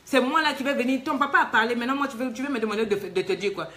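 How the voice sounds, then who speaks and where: Woman life coach, slightly high voice, animated and teasing, live advice talk. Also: very fast. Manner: animated, teasing, emphatic with rhetorical questions.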